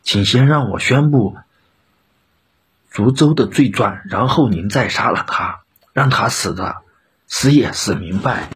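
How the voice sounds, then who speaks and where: A man voicing a shrewd, calm old chancellor who speaks in a measured, admonishing way. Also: mid-range voice, breathy edge, full character voice. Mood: stern.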